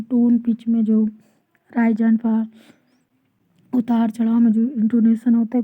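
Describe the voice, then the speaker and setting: A woman teaches an exam-prep lesson, poses questions and answers them herself, and reads English definitions out word by word. Her voice sits a bit high and stays flat in tone. The sound is thin and tinny, like a phone line. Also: slightly rough. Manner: explains by asking and answering her own questions.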